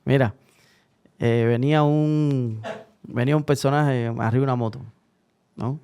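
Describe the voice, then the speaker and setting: Male podcast host, mid-pitched, rambling casual joke-teller. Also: fairly even intonation, unhurried, warm tone, clear, resonant tone. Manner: rambling, hesitant, many restarts. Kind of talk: casual chat and joke-telling.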